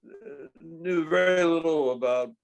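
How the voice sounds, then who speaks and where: A man's voice: a little high, a little slow, gravelly, smooth. A man in the audience sharing an earnest point of view, taking his time to get to it. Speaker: audience member. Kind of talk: asking a question at a Q&A.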